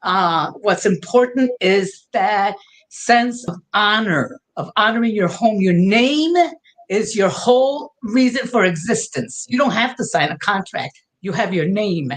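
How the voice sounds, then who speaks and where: A woman's voice: mid-range voice, lively intonation, measured pace. A woman from Brooklyn with a New York Puerto Rican accent, speaking heartfelt in a panel discussion and mixing Spanish phrases into her English. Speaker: panel guest.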